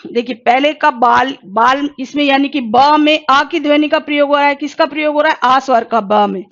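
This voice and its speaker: High-voiced woman teaching Hindi. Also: fairly bright tone, lo-fi sound. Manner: asks questions and answers them herself; slow, careful pronunciation drills. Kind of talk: exam-prep lesson.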